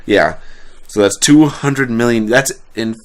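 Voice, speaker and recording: A man's voice: mid-range voice, unhurried, a crowd in the background. A man co-hosting a casual gaming news podcast, reading out news items and laughing often. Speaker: podcast co-host.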